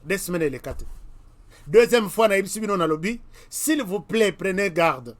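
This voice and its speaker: An unhurried Congolese web TV host with a high voice and lively intonation speaks straight to his audience. He delivers forceful commentary, repeating warnings throughout.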